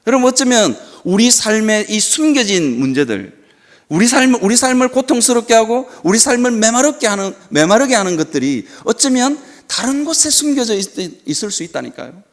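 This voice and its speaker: A man's voice: very high voice, sing-song, normal speed. A male pastor preaching a sermon at a Friday worship service in a church. He tells stories with animation and asks rhetorical questions.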